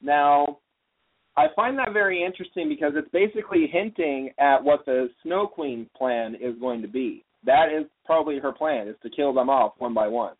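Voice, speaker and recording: A man's voice: on the high side, normal speed, breathy edge. A man hosting a casual podcast discussion, recapping the story and steering the talk along. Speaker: podcast host. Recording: phone-like narrow audio.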